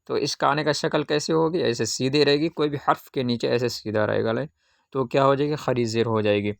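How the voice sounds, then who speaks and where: A man teaching a Qaida reading lesson, patiently asking questions and answering them himself, with drawn-out syllable recitation. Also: mid-range voice, fairly even intonation, vocal fry, dry recording, clean studio sound.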